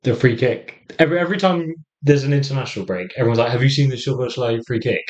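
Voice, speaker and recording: A man with an English accent co-hosting a football podcast in casual, teasing chat with his brother. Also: fast. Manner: teasing, jokey, lively pitch swings. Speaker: podcast co-host. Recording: slightly dull lo-fi sound.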